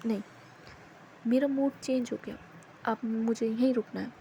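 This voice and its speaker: Storybook read-aloud: a woman plays a headstrong, caring young woman, firm and a little high. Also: fairly even intonation, moderate pace, mellow, slight background noise, natural voice, rough recording. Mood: defiant. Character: bold, stubborn young woman, caring and insistent.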